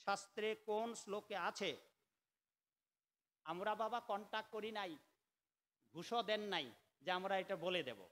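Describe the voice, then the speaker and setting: A high-pitched, sharp-toned man preaches a sermon. He scolds and argues, moving from quiet asides to sudden loud outbursts. His voice rings out with a long hall echo.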